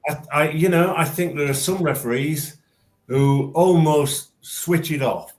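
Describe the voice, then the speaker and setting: A slightly high, somewhat mellow male voice moves at a measured pace as the former referee hosts an informal chat by video call. He talks with emphasis and repeats words as sentences get going.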